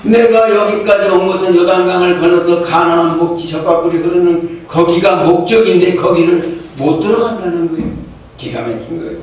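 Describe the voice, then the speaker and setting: A man's voice: high voice, normal speed, darkish tone. A male pastor telling a Bible story as a sermon, conversational, with many hesitations and fillers. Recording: echoey hall heard from far off, faint background noise.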